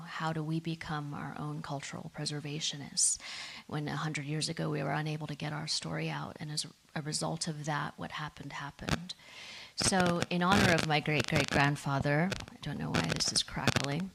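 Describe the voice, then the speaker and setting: A woman's voice: sits low, vocal fry. A woman speaking at a podium, telling a personal story in a conversational, earnest way with frequent fillers. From United States. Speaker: guest speaker. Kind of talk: public talk at a podium. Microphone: handheld or lapel microphone.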